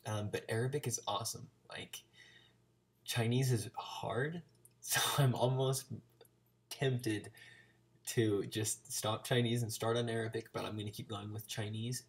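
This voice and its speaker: An American man talking casually in a vlog, chattily sounding out Arabic words as a learner. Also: lowish voice. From United States. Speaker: language-learning vlogger.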